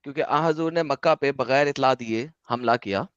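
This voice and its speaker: A man hosting an online debate, lecturing forcefully and dropping English phrases into his speech. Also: medium pitch, moderate pace, clear, resonant tone, no echo, highs cut off. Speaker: debate host.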